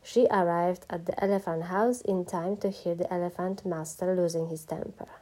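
Woman, children's storybook narration, expressive, mellow warm voice, lowish. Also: moderate pace. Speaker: storybook reader.

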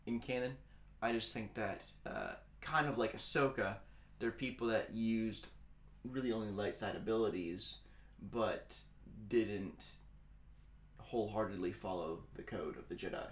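A man co-hosting a podcast in casual chat, calmly explaining his view. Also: fairly low pitch, a little slow, reverberant. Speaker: podcast co-host.

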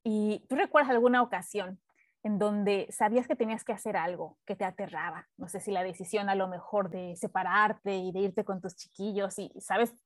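A woman hosting a podcast, chatting in a lively way and asking her guest questions. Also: mid-range voice, normal speed, no echo. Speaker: podcast host. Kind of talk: casual interview chat.

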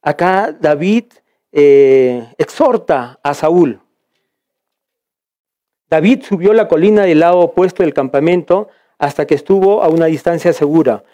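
Mellow-voiced man teaching a Bible study. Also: on the high side, a little slow, dry recording. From Peru. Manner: reads scripture aloud and explains it, with frequent restarts.

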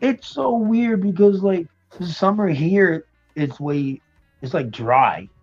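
A man from the United States, raised in New York and Florida, talking as an interview guest in a relaxed, hesitant way with many ums. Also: high-pitched, slow pace, breathy edge, muffled recording, faint music behind. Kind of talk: casual interview chat.

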